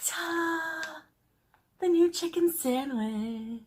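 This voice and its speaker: A woman food vlogger talking excitedly in a review video, heard on a clip whose audio crackles and cuts in and out. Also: very high voice, drawn-out words. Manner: excited, chatty. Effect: audio crackling and cutting in and out.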